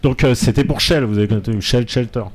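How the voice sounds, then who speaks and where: A man's voice: medium pitch, brisk. A man hosting a music quiz on the radio in casual, colloquial chat. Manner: informal, colloquial. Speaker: radio show host. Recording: loud guitar music behind the voice. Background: loud guitar music.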